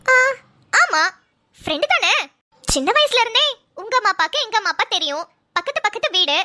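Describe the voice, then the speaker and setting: Woman playing a playful young woman, teasing, very high and bright voice. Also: sing-song, full character voice. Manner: quick, teasing banter.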